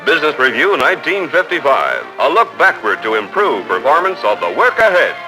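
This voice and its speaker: A man's voice: fairly high pitch, wildly swooping pitch, a little fast, over music, poor audio. A man announcing a program in a formal, emphatic 1950s newsreel style.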